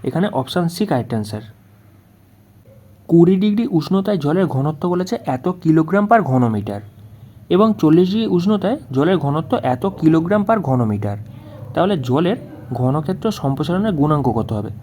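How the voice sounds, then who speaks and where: A man with a slightly high voice works through exam questions as a tutor. He explains each step and keeps asking the student what comes next. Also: very animated, brisk, warm tone. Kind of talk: worked-solution lesson.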